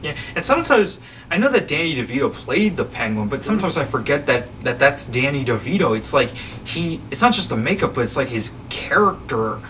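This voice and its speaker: A man chats casually about films, wandering through his points and restarting sentences as he goes. His voice sits mid-pitch. He sounds a bit distant from the microphone, with a faint hum of ambience behind him. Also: big pitch swings, a little fast, bright, forceful tone. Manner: rambling, restarts sentences, chuckles. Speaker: podcast host.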